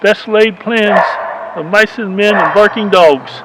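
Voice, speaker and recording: A man's voice: high voice, measured pace, very noisy. A man in his eighties, a beekeeper, chatting in a rambling, folksy way through an outdoor how-to video. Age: 80s. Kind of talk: casual how-to vlog. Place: outdoors in a rural yard. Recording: slightly dull lo-fi sound.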